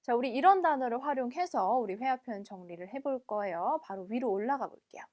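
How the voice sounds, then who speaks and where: High-voiced woman teaching French slowly. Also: expressive, a little mellow. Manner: patient, reads each French phrase slowly twice. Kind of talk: textbook lesson explaining French phrases.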